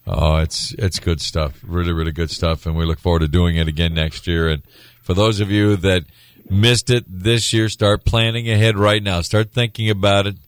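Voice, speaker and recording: A man's voice: low-pitched, steady tone, normal speed, clean tone, dry recording. A male radio sports host bantering casually and cheerfully with a colleague.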